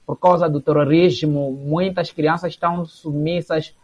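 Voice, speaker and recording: A man's voice: fairly high pitch, fairly even intonation, normal speed, a little mellow. A man answering interview questions hesitantly, with many fillers. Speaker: theatre association member. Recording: dull lo-fi broadcast sound.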